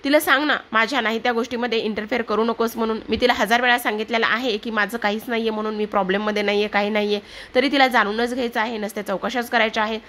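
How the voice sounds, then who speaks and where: A woman's voice: mid-range voice, a little fast, close to an everyday voice. Woman narrator doing a hot-tempered young college guy, snapping, defensive. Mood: angry.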